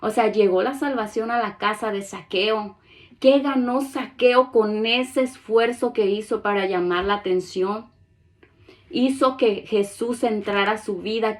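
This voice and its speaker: A woman preaching a sermon with earnest conviction, reading scripture aloud and acting out pleas to God. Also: medium pitch.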